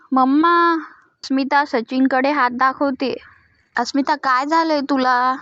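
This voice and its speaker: A woman's voice: high voice, fairly bright tone, no room sound, lo-fi sound. A woman retelling a TV serial episode, narrating and voicing each character's lines herself. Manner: reads every character's lines in turn.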